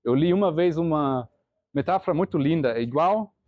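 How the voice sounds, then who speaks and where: A man's voice: a little high, animated, moderate pace, no echo, lo-fi sound. A man from Germany with a German accent, a native German speaker giving an informal presentation, hesitant as he searches and repeats for words. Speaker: artist and photographer, guest presenter.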